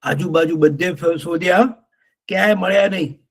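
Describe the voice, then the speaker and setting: A man telling an animated story to children in an online class, often checking in with them. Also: high voice, normal speed.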